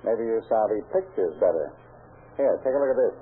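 An actor playing a wry, slangy undercover agent posing as a courier in an old crime film. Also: male voice, on the low side, expressive, a little fast, slightly rough. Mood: wary, brisk. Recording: tinny, noisy old film soundtrack.

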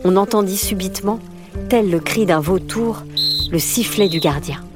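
A woman reading a children's storybook aloud in a measured, expressive way. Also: mid-range voice, over music. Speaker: narrator. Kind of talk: storybook narration.

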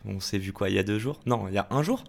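A young man hosting a podcast in casual, lively conversation, swearing and laughing freely. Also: lowish voice, fast talker, vocal fry. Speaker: podcast host. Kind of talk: casual interview chat.

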